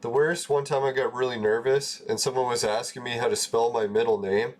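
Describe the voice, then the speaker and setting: Forties canadian guy rambling on a game stream, swears a lot, chuckles at himself, mid-pitched voice. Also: steady tone, a little fast. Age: 40s. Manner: loose, profane, laughs at his own stories. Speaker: gaming livestream host. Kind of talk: casual rambling chat.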